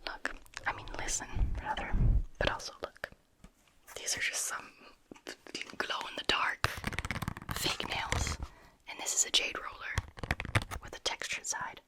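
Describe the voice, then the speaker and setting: An ASMR creator speaks entirely in a breathy whisper. The mouth is almost on a very sensitive microphone, so every word lands right up close. Words are often stretched out slowly in a casual, talk-to-the-viewer way. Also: rough recording. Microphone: very close, high-sensitivity microphone.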